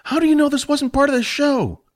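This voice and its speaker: A man doing a shrill scolding adventurer. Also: fairly quick. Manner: high, strained and scolding. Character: exasperated male adventurer companion, fussy and out of breath.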